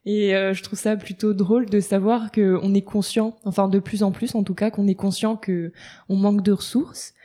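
A woman's voice: mid-range voice, flat delivery, normal speed, mellow. A woman hosting a radio talk show, reading a scripted segment and then chatting with her guests. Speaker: radio host.

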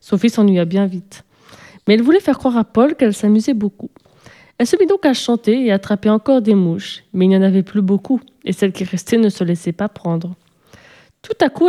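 A woman reading a children's story aloud with steady, even storytelling. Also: medium pitch. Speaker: narrator.

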